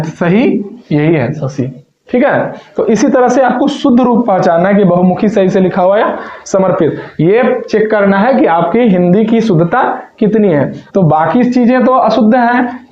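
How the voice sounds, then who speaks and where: A man's voice: high-pitched, darkish tone. A male teacher walking students through an exam paper, asking questions and answering them himself, speaking affectionately to his pupils. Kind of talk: exam paper walkthrough lesson. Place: filmed room with a camera operator. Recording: echoey room, slightly dull sound.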